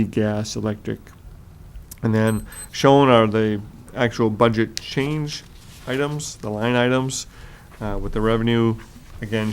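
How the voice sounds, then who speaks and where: A man chairing a public board meeting who reads agenda items aloud in a formal, halting way with frequent fillers. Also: on the low side, vocal fry, slight background noise. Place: meeting room.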